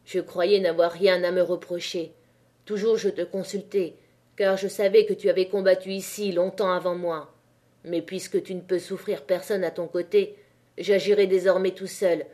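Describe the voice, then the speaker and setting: An idealistic young man who argues earnestly and seeks advice, voiced by a woman reading an audiobook. Her tone is mellow and warm. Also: lowish voice, flat delivery, moderate pace, lightly acted. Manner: earnest, pleading. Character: earnest young male miner leader, idealistic.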